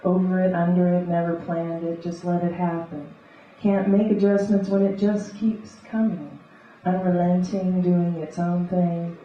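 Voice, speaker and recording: A woman reading beatnik spoken-word poetry live, in rhythmic, deliberate, short clipped phrases. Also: fairly low pitch, flat delivery. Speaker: poet and conceptual artist. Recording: echoey live room, distant muffled mic, faint noise.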